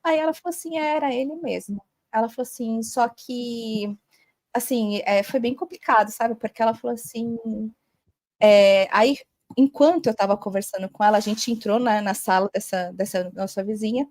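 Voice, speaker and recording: A woman's voice: a little high, moderate pace, a little mellow, no room sound. A woman, a holistic therapist, telling a long personal story as a podcast guest, chatty and full of tag questions.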